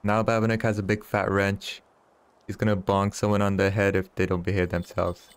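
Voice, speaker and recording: Brisk and smooth, this fairly low male voice doesn't move much in pitch. He's in his early thirties, streaming a fishing game while bantering with and teasing his chat, with lots of chuckles.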